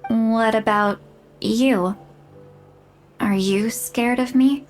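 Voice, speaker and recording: Slow-talking, slightly high-voiced game granny of great age: proud, flustered, self-mocking. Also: female voice, fairly even intonation, faint music behind. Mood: candid. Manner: flustered, self-deprecating, boastful. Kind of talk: video game voice acting.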